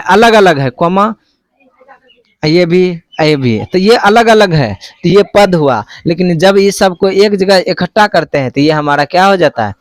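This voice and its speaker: A man's voice: high voice, no room sound, studio quality. A male teacher, giving a classroom math lesson and quizzing students with repeated questions. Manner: call-and-response questioning, repeats answers.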